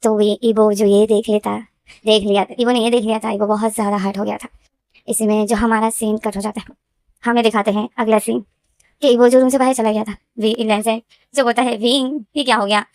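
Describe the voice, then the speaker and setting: A woman with a high voice retells a romance story in a casual, emphatic way, repeating points as she goes. The recording is dry and close. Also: level tone, a little fast, darkish tone, no echo. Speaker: story explainer.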